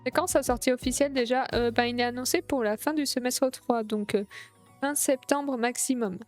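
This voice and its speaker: Excitable young woman streaming a game. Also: sits high, normal speed, faint music behind. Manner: excitable, gushing and chatty. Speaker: Twitch streamer. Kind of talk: casual gameplay streaming.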